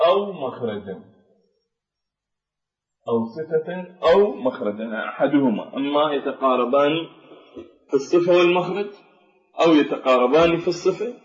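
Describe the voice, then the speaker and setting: A man teaching a Quran recitation lesson, explaining the rules methodically and slowing down to recite verse examples. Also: medium pitch. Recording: echoey room, dull lo-fi sound.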